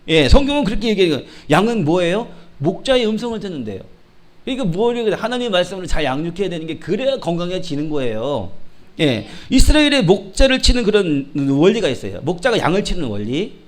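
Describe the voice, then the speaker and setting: A male pastor preaching a sermon in a high voice, which he works for emphasis. His delivery is animated and full of rhetorical questions to the congregation. Now and then he drops into mock regional dialects to make a point with humor. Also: brisk.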